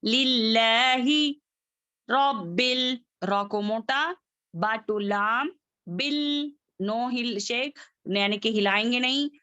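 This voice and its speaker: A woman teaching an online tajweed class, repeating each word slowly and then explaining quickly. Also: a little high, sharp tone, dry recording. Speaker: Quran recitation teacher. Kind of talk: online tajweed class, correcting and modelling recitation. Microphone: video call. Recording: dull, lo-fi video call audio.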